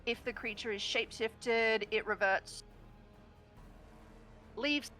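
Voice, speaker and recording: A woman's voice: on the high side, fairly even intonation, slow pace, sharp tone, soft background music. A woman reading out spell rules over an old headset while her audio glitches and cuts out. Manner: brash, swears freely. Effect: glitchy, cutting-out audio. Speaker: tabletop game player. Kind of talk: reading out spell rules during online play.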